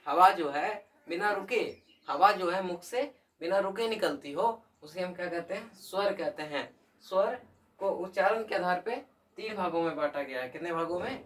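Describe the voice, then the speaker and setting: A man's voice: sits high, a bit bright. A man giving a grammar lesson who asks questions and answers them himself, repeats key terms and keeps checking in with his listeners. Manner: checks in often with "ठीक है?". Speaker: Hindi grammar teacher. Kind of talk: classroom-style grammar lesson. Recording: voice a little distant from the mic.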